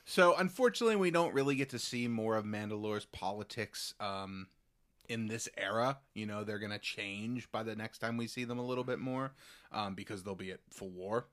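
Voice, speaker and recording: A man's voice: on the low side, brisk, fairly bright tone. Man recapping in casual chat. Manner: recaps events plainly, with frequent short agreements.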